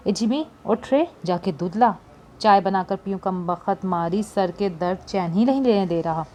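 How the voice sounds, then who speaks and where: A woman's voice: medium pitch, normal speed, darkish tone, slight background noise, close to an everyday voice. A woman voicing a loyal, blunt-talking companion who consoles her friend in an audiobook. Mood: consoling.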